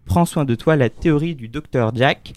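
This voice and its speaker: A man's voice: medium pitch, moderate pace, a little mellow, no room sound. French radio host man, friendly studio voice. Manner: friendly, introduces guests with small stumbles and laughs. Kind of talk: radio talk show hosting.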